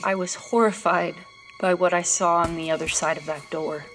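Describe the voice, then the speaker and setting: A woman's lowish, fairly bright, natural voice, with fairly even intonation, comes through a rough recording over music. She acts in a horror audio drama of narration and acted scenes, portraying a scared woman hunting for her dog who haltingly, hesitantly recounts something disturbing in a haunted way.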